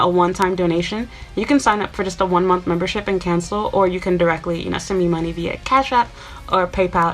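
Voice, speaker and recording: A woman YouTuber in her twenties from Chicago, USA, talks casually to camera for her viewers, rambling and chatty with lots of fillers. Her voice sits on the low side, and the audio is poor.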